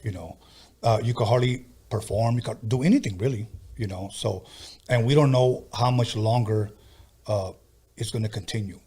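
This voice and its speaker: A man's voice: on the low side, normal speed, warm tone, husky. A man hosting a podcast interview, telling stories casually and mixing in Spanish words. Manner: storytelling, drops Spanish words. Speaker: podcast host.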